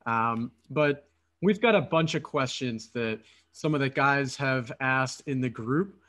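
A man's voice: medium pitch, unhurried, fairly bright tone. A man in his thirties from Philadelphia, hosting a podcast over a video call and talking eagerly in long runs with some fillers. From Philadelphia, United States. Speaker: podcast host. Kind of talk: casual podcast interview. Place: apartment room, video call. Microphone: headset.

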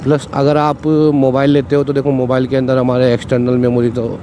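This moto vlogger speaks fairly quickly in a warm, medium-pitched voice with a totally flat delivery, chatting as he rides a motorbike through the city. He explains things casually and keeps saying "ठीक है". A cheap wired mic on his body picks up the outdoor traffic noise too.

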